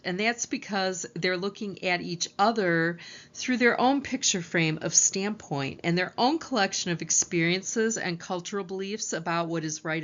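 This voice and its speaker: A woman's voice: mid-range voice, a bit bright, lo-fi sound. A woman college lecturer, explaining course ideas over slides in a conversational teaching tone.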